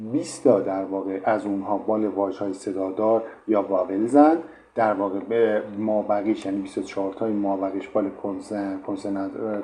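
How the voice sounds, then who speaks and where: A man's voice: fairly low pitch, mellow. A man teaching English pronunciation in an online lesson, explaining patiently with frequent fillers. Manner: explanatory, many fillers like "in fact".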